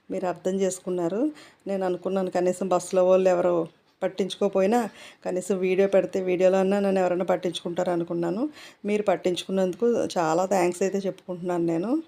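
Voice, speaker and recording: Chatty woman vlogger with a mellow voice. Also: fairly low pitch, creaky. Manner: talkative, rambling, many fillers. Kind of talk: casual chat.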